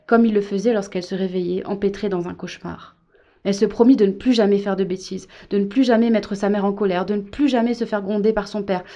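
A woman narrating a novel in a measured, gentle storytelling voice. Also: mid-range voice. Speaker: audiobook narrator. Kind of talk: scripted narration.

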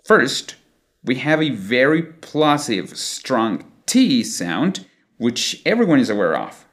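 A man's voice: mid-range voice, big pitch swings, takes it slowly, a bit bright. A man teaching English pronunciation in a scripted lesson, showing the sounds by imitating accents.

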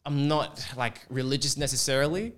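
A man's voice: mid-range voice, moderate pace, a bit bright. A man, a teacher being interviewed, telling casual self-mocking stories with a joking manner.

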